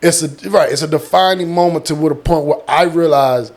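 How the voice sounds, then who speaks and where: This guest is a middle-aged military veteran from small-town Texas, sharing casual personal stories at a normal speed in a slightly high voice. His retelling is animated: he acts out quotes and repeats words for emphasis.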